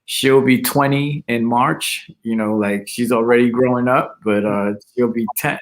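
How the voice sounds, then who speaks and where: A man, a pastor chatting as a guest in a relaxed way and joking about himself. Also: mid-range voice, measured pace. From Brooklyn, New York. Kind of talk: casual interview chat.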